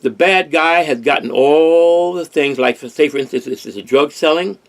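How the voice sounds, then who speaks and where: Older New man, host, earnest and rambling, slightly high voice. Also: moderate pace. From Harlem, New York. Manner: earnest, rambling with restarts and repeated phrases. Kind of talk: casual discussion.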